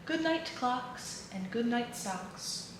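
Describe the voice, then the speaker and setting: A woman reading children's picture books and poems aloud in an expressive, sing-song way. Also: on the high side, slow. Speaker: children's book reader. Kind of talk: read-aloud storytelling for children. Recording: echoey room with clear background noise.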